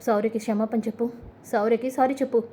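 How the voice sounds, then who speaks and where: A bossy old grandmother scolds and fusses in this storybook-style retelling of a family drama, voiced by a woman narrator. Her voice sits a little high, with a soft, mellow tone and a sharp bite. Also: fairly even intonation, fast talker, a little hiss or hum, close to an everyday voice. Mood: scolding. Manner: scolding and fussing, sharp when crossed. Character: doting bossy grandmother of a woman, fierce temper.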